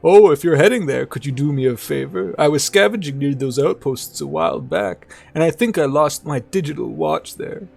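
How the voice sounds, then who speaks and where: Man acting out an old male game scavenger, high voice, gravelly, amiable, folksy old-timer chatter. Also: normal speed, hardly any pauses, a little mellow, full character voice. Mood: chatty, folksy. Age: older. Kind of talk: video game dialogue read in character.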